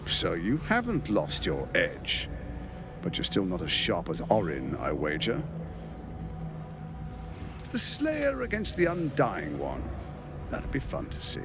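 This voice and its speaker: An actor playing a smug, scheming villain lord in a video game, theatrical, mocking and articulate. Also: male voice, sits low, wildly swooping pitch, slow pace, pauses often, over music, exaggerated voice. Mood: taunting. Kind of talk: dramatic video game acting.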